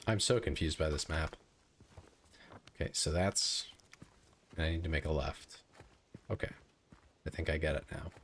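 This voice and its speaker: A man's voice: a bass voice, a little slow, long pauses, fairly bright tone, slight background noise. A man streaming a game, chatting with viewers in a rambling, joking way. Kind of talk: casual live-stream gaming chat.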